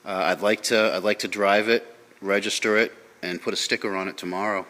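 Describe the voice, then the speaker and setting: A tired man gives a casual, off-the-cuff update as a car vlogger. His delivery is low-key and halting, as he talks to his viewers. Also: steady tone, sharp tone. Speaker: car vlog host.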